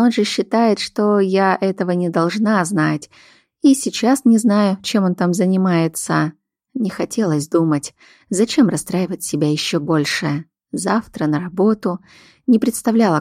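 A woman's voice: fairly low pitch, darkish tone, no room sound, clean studio sound. A woman narrating a first-person audiobook in a weary, wry inner-monologue manner.

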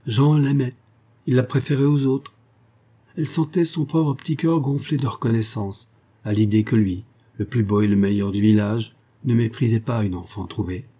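A man reading a classic story aloud as audiobook narrator, measured and expressive. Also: mid-range voice.

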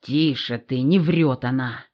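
A woman voicing a bass-voiced village man in an audiobook. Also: slow, lo-fi sound, heavily acted. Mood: assured. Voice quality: deep, bassy. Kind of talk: audiobook character voice.

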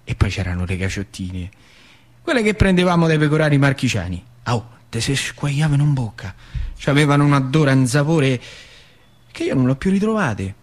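In a sing-song mid-range voice at normal speed, a stage actor portrays an elderly working-class man from a factory, accented in the central Italian style of northern Lazio. He rambles and confides while reminiscing in theatrical monologue, sounding nostalgic and relishing every memory.

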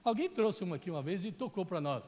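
A man with a Brazilian Portuguese accent preaches in a high, lively voice that rises and falls all over. He tells stories in a chatty way and teases people in the pews by name. A long reverb from the church hall trails after him. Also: quick pace. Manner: chatty, jokes with the congregation by name. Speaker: pastor. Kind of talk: storytelling sermon.

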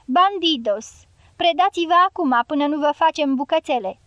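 A woman voicing a male enemy soldier who shouts drawn-out taunts from behind rocks in an audiobook. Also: high-pitched, lively intonation, no room sound, muffled recording. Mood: taunting.

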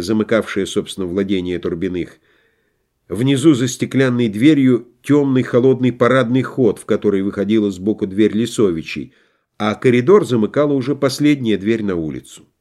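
Man narrating a novel, measured and dramatic. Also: mid-range voice, a little mellow. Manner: measured, dramatic storytelling with acted dialogue. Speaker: audiobook narrator. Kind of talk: literary audiobook reading.

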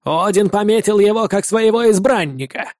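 A man's voice: high-pitched, moderate pace, darkish tone, no room sound, clean studio sound, lightly acted. A man voicing a stern, devout old viking warrior who talks bluntly and barks his words. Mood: earnest. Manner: gruff, barking. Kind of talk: audiobook character voice.

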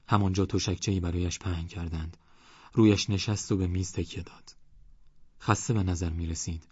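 Male audiobook narrator, low voice, husky, steady, dull dry recording. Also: no echo. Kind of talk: scripted novel narration.

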